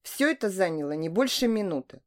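A woman reading a first-person novel as an audiobook, with expressive, emotional delivery. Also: on the low side, fairly quick. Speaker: audiobook narrator.

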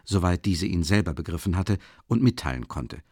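A man narrating a classic novel as an audiobook, measured and dramatic. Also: low voice, lively intonation, darkish tone, slightly rough, no room sound, studio quality. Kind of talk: scripted literary narration.

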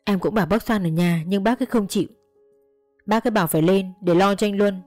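A woman narrates a first-person story in a steady, measured, earnest voice. The recording is dry and close-miked. Faint music runs quietly under her reading. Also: mid-range voice, dry recording.

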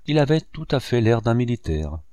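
A man reading a first-person memoir aloud as an audiobook narrator, in a measured, expressive storytelling manner. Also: mid-range voice, dry recording, studio quality.

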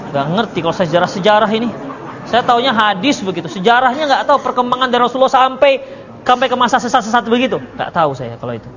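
A man's voice: very high voice, animated, fast talker, a crowd in the background. A man teaching a religious study circle, answering written questions, teasing his audience and acting out little dialogues. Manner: acts out quoted dialogue. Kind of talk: religious lecture with Q&A. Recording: dull lo-fi audio with long reverb and faint noise.

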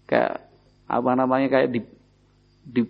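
Male preacher with a Javanese accent and a gravelly voice, chatty delivery that acts out quoted speech, muffled lo-fi recording. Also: mid-range voice, very animated, measured pace. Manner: conversational, acts out parents and children in quoted voices. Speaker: Islamic preacher. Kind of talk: religious study lecture. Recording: dull lo-fi recording.

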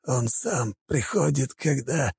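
A man voicing a broken, tortured male prince who speaks in a wheezing, rasping way. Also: mid-range voice, expressive, slow, a little mellow, no echo, voice pushed up, full character voice. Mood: pleading.

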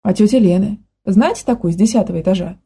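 A woman's voice: mid-range voice, fast, gravelly, warm tone, husky. Woman reading as a firm, persistent young woman. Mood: coaxing. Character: determined young woman questioning a stranger.

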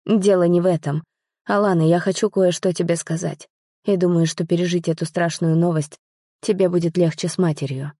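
A woman reading the lines of a young man, a tender, guilt-ridden lover, in a soft, pleading, earnest way. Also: lowish voice, steady tone, fairly quick, no echo, studio quality, close to an everyday voice.

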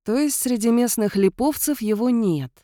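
A man's voice: very high-pitched, lively intonation, normal speed, warm tone, dry recording, clean studio sound, pitched above the performer's own voice. A woman reading an audiobook, voicing a shrewd, playful young nobleman who reasons things out in a teasing, thoughtful way. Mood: musing.

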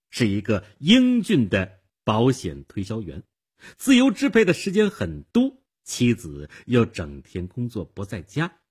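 A man voicing a shrewd, calm middle-aged police detective who explains things in a knowing, matter-of-fact way. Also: medium pitch, slightly rough, exaggerated voice.

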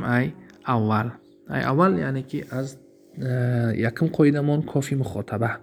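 A man whose mid-range voice carries vocal fry and a darkish tone teaches Arabic grammar with a Tajik accent. In this recorded lesson he goes slowly, translating each example after reading it and answering questions he puts to himself.

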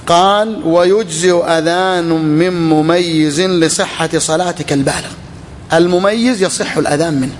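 A man teaching a lesson to students, reading a text slowly and then explaining it, often repeating his phrases. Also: sits high, a little hiss or hum. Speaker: sheikh teaching a book. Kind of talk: classroom lesson on Islamic law.

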